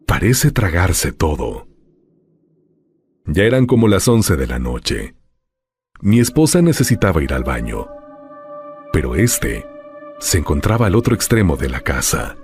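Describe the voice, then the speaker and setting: Deep-voiced man narrating horror. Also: a little mellow, a little hiss or hum. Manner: dramatic, slowing and dropping low on ominous phrases.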